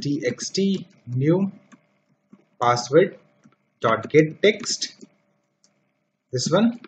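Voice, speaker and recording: Over a screen recording, a man teaches programming very slowly, spelling out the code one step at a time and filling gaps with many fillers. His fairly high voice has lively intonation, and the dull lo-fi mic picks up faint noise.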